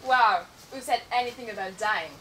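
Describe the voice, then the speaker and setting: A woman's voice: a little high, normal speed, pushed and bright, a little hiss or hum. A woman playing a cold, doubtful teenage girl on a raft who talks in a skeptical, sarcastic way. She performs on an outdoor garden stage.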